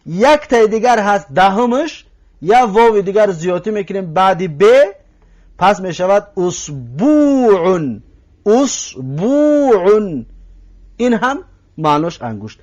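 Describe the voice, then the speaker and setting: A man with a Tajik accent teaching an Arabic lesson, who says words again slowly to drill them and keeps asking the listeners whether they follow. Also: sits high, expressive. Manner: addresses listeners directly, asks if they follow. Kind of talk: recorded language lesson.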